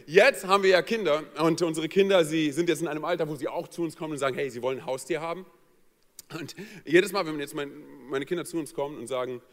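Man, pastor, humorous sermon story, playful, fairly high voice, long hall reverb. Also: fast. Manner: lively, joking, acts out quoted voices. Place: church hall.

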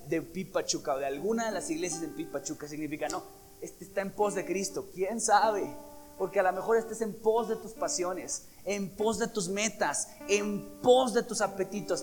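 A man's voice: high-pitched, animated, moderate pace, music in the background. A man preaching a sermon, emphatic and asking the congregation questions. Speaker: pastor.

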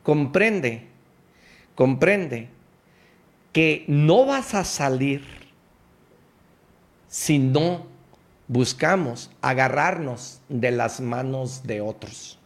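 Slow, emphatic motivational radio man. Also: mid-range voice, lively intonation. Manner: preachy, emphatic, direct address to listener.

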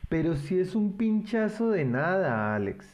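A man voicing a wise, gentle female fairy in a children's story, patient and explaining. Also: sits high, very animated, a little slow, a little hiss or hum, pitched above the performer's own voice.

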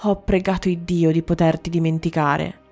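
A woman's voice: on the low side, steady tone, moderate pace, darkish tone, soft background music, lightly acted. A woman voicing a grieving but determined prince in a storybook, speaking earnestly and with emotion.

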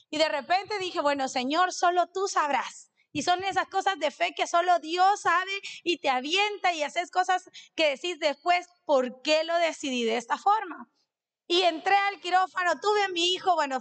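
A woman's voice: extremely high pitch, a bit bright. A middle-aged woman, preaching a sermon that mixes in personal testimony and questions to the congregation. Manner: conversational, asks the audience questions.

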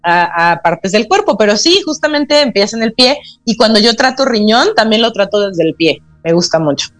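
A woman with a Mexican Spanish accent, an acupuncturist who is a guest on a radio talk show, explaining in an earnest, gently spiritual way. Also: medium pitch, animated, normal speed, no echo, soft background music. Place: radio studio.

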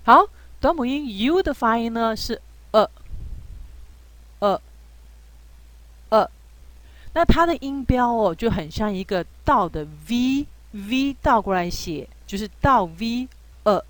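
A woman teaching English phonics in a relaxed, patient way, with many drawn-out fillers and reassuring asides. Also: a little high, no echo. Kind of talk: relaxed spoken lesson.

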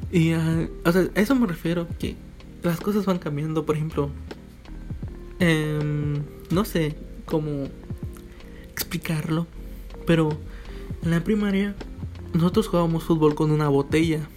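A man's voice: a little high, steady tone, a little slow, pauses often, a little mellow, soft background music. A young man with a Mexican Spanish accent, talking casually in a joking monologue with quoted voices. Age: young adult.

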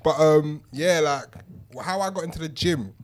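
A man's voice: on the high side, moderate pace. A man in his twenties with a South London accent, telling stories casually on a group podcast with lots of slang, swearing and joking. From South London, England. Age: 20s. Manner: slangy, sweary, jokey storytelling. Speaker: podcast regular.

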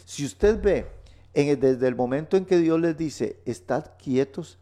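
A man's voice: on the high side, expressive, measured pace, dark tone. A man hosting a radio Bible teaching, emphatic and repeating words for stress. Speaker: radio program host. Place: radio studio.

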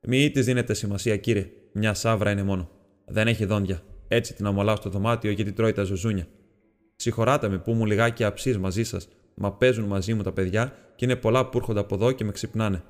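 A man voicing a gruff, lanky old man who keeps animals and speaks in a fussy, irritable way, in an audiobook reading. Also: fairly low pitch, steady tone, big-room sound, natural voice. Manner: irritable, then fussy and welcoming.

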